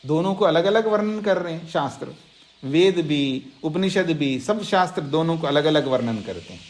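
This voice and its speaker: A man's voice: a little high, animated, a little hiss or hum. A man teaching a scripture class, reciting Sanskrit verses and explaining them line by line, repeating phrases so students can write them down. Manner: slow, repeats phrases for dictation. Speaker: Vedanta teacher. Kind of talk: scripture lecture. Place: ashram class.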